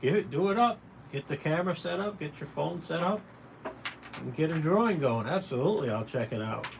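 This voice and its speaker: On his drawing livestream, a caricature artist walks viewers through a tutorial in a casual, folksy, encouraging way, addressing them directly. His voice runs on the high side, expressive and fairly quick, over clearly noisy room ambience.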